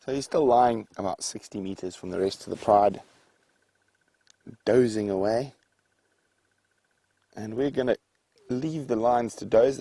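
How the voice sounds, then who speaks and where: A man's voice: on the low side, dark tone, no echo. A man guiding a live savanna safari from an open vehicle, explaining wildlife to viewers in an unscripted, conversational way. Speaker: safari guide hosting a live game drive. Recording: noisy outdoor vehicle ambience.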